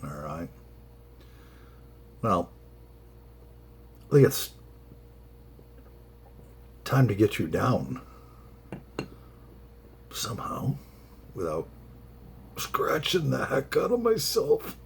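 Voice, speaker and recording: A man chatting casually in a solo pipe tobacco vlog, unhurried and halting, drifting into rambling asides. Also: medium pitch, huge pitch swings, creaky, a little hiss or hum.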